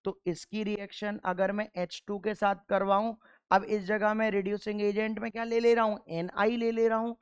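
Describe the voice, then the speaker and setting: A male chemistry teacher lecturing a class in a smooth, resonant voice. He poses question after question and answers each one himself, and he patiently repeats the key answers for drilling. The sound is dry and close, with no room echo. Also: sits high, flat delivery, moderate pace. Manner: quizzes with rhetorical questions and answers them himself.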